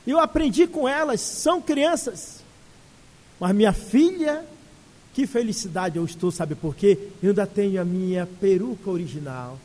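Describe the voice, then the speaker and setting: A bright, tender old lady speaks with warmth and playful cheer, as a male speaker acts her out. Her voice climbs high and swings widely. Long hall reverb trails behind her. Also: animated, moderate pace. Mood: cheerful, consoling. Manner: warm, consoling, playful. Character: cheerful, tender elderly woman on a bus.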